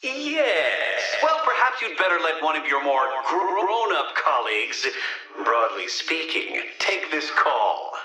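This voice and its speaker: A man's voice: on the high side, sing-song, slow pace, pushed and bright, recorded from a distance, soft background music, full character voice. A man playing a smug, condescending genius villain in a video game, pompous and taunting, with theatrical delivery over an echoing radio transmission. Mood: pompous, sardonic.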